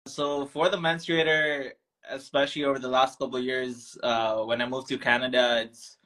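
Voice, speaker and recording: A man's voice: mid-range voice, level tone, moderate pace, sharp tone, low-quality recording. A young man from Tanzania, a founder talking as a guest in a casual interview, reflective and full of ums and restarts. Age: young adult.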